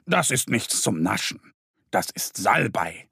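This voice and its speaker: A man's voice: very animated, vocal fry, pushed and bright, breathy edge, no room sound, studio quality, full character voice. A man voicing a kindly old grandfather bear in a children's audio story. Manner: kindly, lower and slower.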